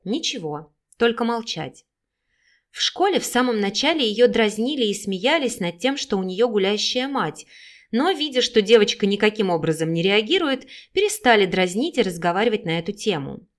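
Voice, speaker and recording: A woman reads an audiobook in steady, measured narration. Her voice is mid-pitched and plain. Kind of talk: scripted narration.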